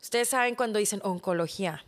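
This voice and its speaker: A woman in her thirties tells her own story on a podcast. She acts out conversations with lively energy, then drops to a hushed, soft voice for the hard parts. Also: mid-range voice, quick pace. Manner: animated, acts out dialogue, trails off softly when recalling illness. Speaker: podcast host. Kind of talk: personal storytelling.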